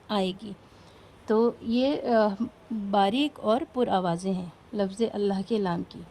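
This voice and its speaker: A woman with a medium-pitched, darkish voice teaches a recitation class, patiently explaining each rule step by step and asking her students questions.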